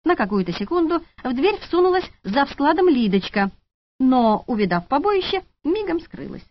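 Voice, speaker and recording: A woman reading a first-person audiobook with a wry, expressive delivery. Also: high-pitched, moderate pace. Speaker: audiobook narrator. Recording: lo-fi audiobook recording.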